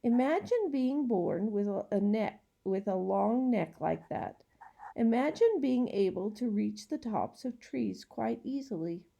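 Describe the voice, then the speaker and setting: Woman playing sensible boy, measured and slow, mellow gravelly tone, storybook. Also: on the high side, lively intonation, heavily acted. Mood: thoughtful. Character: thoughtful older boy, calm and sensible.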